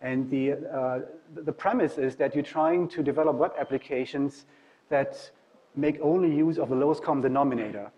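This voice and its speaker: Presenting an informal technical talk as a guest speaker, a German-accented professor from Germany speaks with a fairly high pitch at a moderate pace. The audio is dull.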